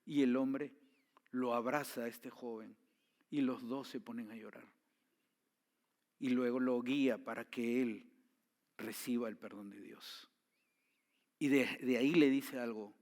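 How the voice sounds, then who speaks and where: A man preaching a sermon, telling a story with swings from hushed tones to loud pleading. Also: mid-range voice, fairly even intonation, unhurried, long pauses. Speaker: pastor.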